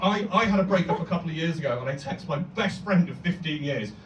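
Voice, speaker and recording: A man's voice: a little high, expressive, quick pace, recorded from a distance, dull audio. A young man performing a stand-up comedy set, talking conversationally with crude language and acting out quoted voices. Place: comedy club, live audience. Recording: roomy live club sound from off-mic. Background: loud audience laughter and noise.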